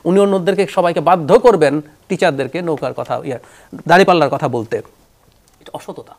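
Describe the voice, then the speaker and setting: A man speaking as a guest analyst on a political talk show, explaining his points in an animated way and mixing in English terms. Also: on the high side, a little fast.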